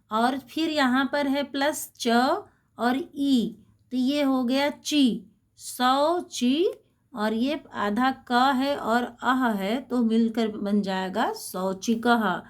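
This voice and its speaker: A woman teaching a Sanskrit lesson to schoolchildren. She is patient and spells out words slowly, repeating them. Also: high-pitched. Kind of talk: slow explanatory lesson for schoolchildren.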